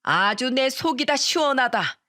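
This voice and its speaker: A woman voicing an older father in a narrated radio story, blunt and triumphant after getting even. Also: high voice, unhurried, dry recording, studio quality, pitched above the performer's own voice, exaggerated voice.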